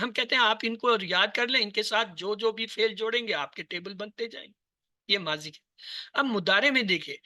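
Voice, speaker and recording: A man teaching a language lesson to an online class over a video call, drilling word forms one by one in steady repetition. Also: high-pitched, dry recording, clean studio sound. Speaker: Arabic teacher.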